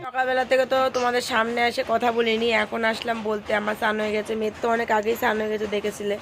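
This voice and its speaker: A young mother, her voice hoarse and strained, chatting homely and casually to her viewers. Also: a little high, flat delivery, very fast, music in the background. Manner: chatty, homely, soft baby talk with her daughter. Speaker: vlogger, mother. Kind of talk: casual vlog narration to viewers.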